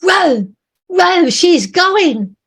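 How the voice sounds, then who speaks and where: A woman voicing a frantic male sailor who shouts urgent orders at rowers. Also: high-pitched, very animated, slow, voice pushed up, heavily acted. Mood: frantic shouting.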